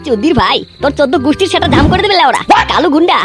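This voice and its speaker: A woman doing a fast-cursing cartoon thug. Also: sits high, expressive. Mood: brash. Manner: fast, crude, swaggering. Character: cocky foul-mouthed young male gang member. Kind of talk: comic cartoon dubbing. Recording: voice over loud music.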